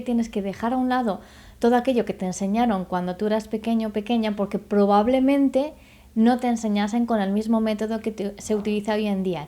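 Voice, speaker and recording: A woman speech therapist giving an online lesson, explaining patiently, sounding out syllables slowly and checking in with the viewer. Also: mid-range voice, mellow. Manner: addresses the viewer directly with checking questions. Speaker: speech therapist teaching a course.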